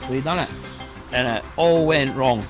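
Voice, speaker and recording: A man's voice: mid-range voice, a little slow, over music. Man with a broad Scottish accent. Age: 30s. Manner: sweary, colloquial storytelling. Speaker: video reviewer and vlogger. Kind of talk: casual anecdote and film chat.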